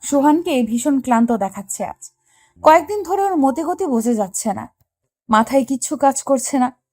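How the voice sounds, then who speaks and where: A woman's voice: sits high, a little mellow, no echo. A woman as an earnest young wife narrating. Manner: earnest, questioning. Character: young wife, hurt and puzzled. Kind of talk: Bengali audio story narration and acting.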